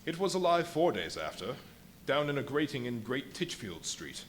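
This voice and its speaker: A man takes on the boastful, feverish scientist of a live radio play, his mid-pitched voice very animated yet only lightly acted, with a wry mood. He moves widely through ornate confessions, using dramatic, literary phrasing and emphatic pauses. Noise from the live venue sits beneath him.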